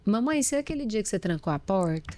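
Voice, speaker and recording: A Brazilian woman, a podcast guest, telling personal stories in an emotional, animated way, laughing often. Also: mid-range voice, fast talker. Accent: Brazilian Portuguese. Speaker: podcast guest, former judge. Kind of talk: personal storytelling in casual chat.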